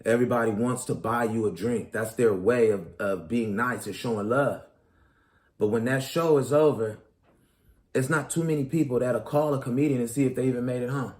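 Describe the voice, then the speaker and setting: A man's voice: mid-range voice, moderate pace, a little mellow. A man in his thirties, a comedian hosting his own show, talking casually and animatedly in slang straight to his audience. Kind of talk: casual commentary monologue.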